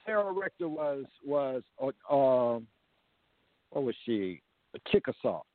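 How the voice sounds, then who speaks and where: A man's voice: medium pitch, sing-song, takes it slowly, no echo. Man talking over a tinny phone line. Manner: rambling, with frequent restarts. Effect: heard over a phone call. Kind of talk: casual history talk.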